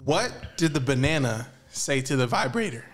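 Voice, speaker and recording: A man's voice: medium pitch, very animated, moderate pace. A young man trading dirty jokes in casual banter, with a leering, smutty manner. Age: young adult. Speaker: joke teller. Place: small indoor podcast studio. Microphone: desk microphone on stand.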